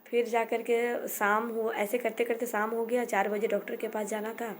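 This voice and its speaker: A woman telling her family's story as a mother, in a halting way, circling back and repeating herself. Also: on the high side, level tone, slight background noise. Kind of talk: personal storytelling.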